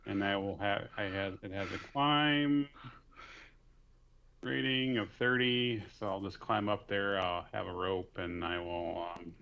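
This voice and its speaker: A man with a low, gravelly voice plays at the tabletop, casual and joking. His mic sounds dull and lo-fi, with the highs rolled off. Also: measured pace, pushed and bright, slight background noise. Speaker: player.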